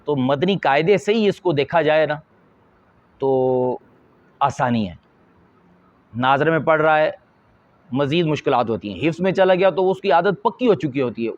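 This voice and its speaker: Man, Quran teacher, earnest explanatory tone, slightly high pitch, dull lo-fi audio. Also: lively intonation. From Pakistan. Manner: earnest, explanatory, with slow deliberate emphasis. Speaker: Quran teacher and madrasa supervisor. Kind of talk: instructional talk to teachers.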